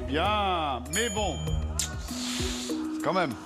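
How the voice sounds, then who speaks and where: A man's voice: sits high, animated, extremely slow. A man hosting a TV game show, joking and teasing the contestants in a studio with a live audience. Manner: teasing, playful banter with contestants. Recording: studio audience and loud music behind.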